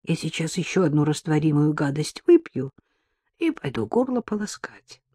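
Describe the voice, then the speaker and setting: A hoarse young woman with a sore throat, as a male audiobook reader puts her on, talking quietly in a breathy half-whisper. She is dry and teasing, grumbling back at the man beside her. The sound is close and dry. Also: fairly high pitch, very animated, moderate pace, dry recording.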